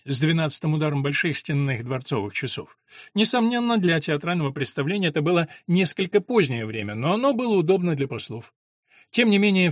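A man gives an expressive, dramatic reading of a classic novel as an audiobook narrator. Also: fairly high pitch, no room sound, clean studio sound. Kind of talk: scripted literary narration.

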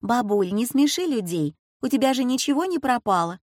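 A bright, teasing schoolgirl, as a woman reader puts her on, her voice lifted higher than the narration and her words quick and playful. She jokes with her grandmother in an audiobook story. The sound is dry and close, with no room around it. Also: sing-song, dry recording.

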